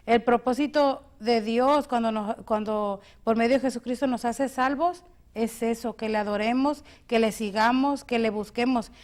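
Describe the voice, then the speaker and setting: A woman's voice: a little high, fairly even intonation, moderate pace. A woman co-hosting a devotional show, steadily explaining and reading Bible verses aloud. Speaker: co-host.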